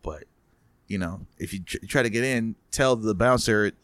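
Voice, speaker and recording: A man's voice: on the low side, normal speed, a bit bright, dry recording. A man telling stories on a podcast in a casual, rambling way, full of restarts and swearing. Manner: rambling, profane, restarts a lot. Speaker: podcast co-host and comedian. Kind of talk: casual storytelling chat.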